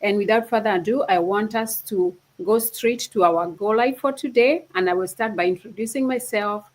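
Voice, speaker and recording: A woman's voice: mid-range voice, moderate pace, low-quality recording. A woman from Kenya hosting a casual livestream over a video call, talking earnestly and often restarting her phrases. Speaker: host of a livestream.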